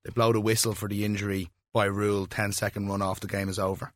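A man's voice: on the low side, little pitch movement, quick pace. A man co-hosting a casual sports podcast, rambling and often laughing at himself. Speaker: podcast co-host.

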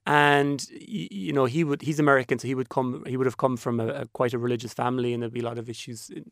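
A man's voice: medium pitch, fairly even intonation, quick pace, gravelly, no room sound, clean studio sound. A man with a west of Ireland accent from Kerry, talking reflectively in a panel discussion, often repeating words as he thinks. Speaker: panel guest.

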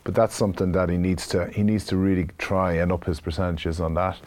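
A man chatting casually as a rugby pundit, with halting, repetitive phrasing. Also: low voice, fairly even intonation, darkish tone. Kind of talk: casual panel chat.

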